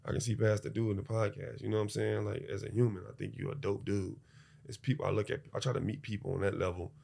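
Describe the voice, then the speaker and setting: A man's voice: lowish voice, little pitch movement, quick pace, gravelly, darkish tone. A man, a podcast guest chatting casually in laid-back slang and teasing the host.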